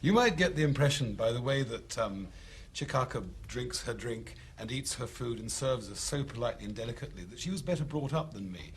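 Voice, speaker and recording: Lively man hosting with gusto. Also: medium pitch, fairly quick, slight background noise. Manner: enthusiastic, chatty, theatrical. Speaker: cookery show host. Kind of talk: lively on-set chat.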